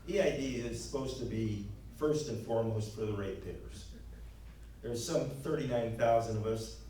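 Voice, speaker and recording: A man's voice: medium pitch, normal speed, warm tone, distant mic, a little hiss or hum. A man giving an earnest, plain-spoken campaign closing statement at a local forum, with many fillers. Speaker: candidate giving closing remarks. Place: meeting hall. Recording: very echoey hall, from afar.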